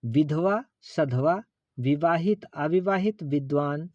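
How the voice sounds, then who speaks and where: Male exam-prep teacher, slow and deliberate, reciting word pairs in a slightly high voice; dry, muffled recording. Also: darkish tone, no echo. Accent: Hindi. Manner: slow, deliberate drilling of word lists, addressing students as friends.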